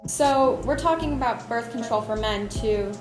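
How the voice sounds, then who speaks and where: An earnest young woman with a slightly high voice, walking through facts and figures on a student podcast. She speaks in an echoey room with music running underneath. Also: moderate pace. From United States. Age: young adult. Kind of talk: casual discussion podcast.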